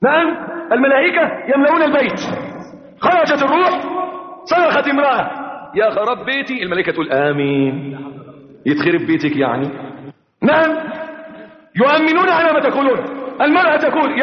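A man's voice: very high voice, very animated, brisk, long pauses. A male preacher giving an impassioned sermon, calling out to his listeners and chanting verses. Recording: echoey hall, dull lo-fi sound.

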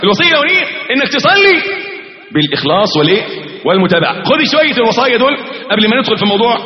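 A man preaching a lively sermon with an Egyptian accent. He swings from loud exclamations to soft asides and acts out little dialogues. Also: very high voice, very fast. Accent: Egyptian Arabic. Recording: echoey, reverberant, dull lo-fi hall recording.

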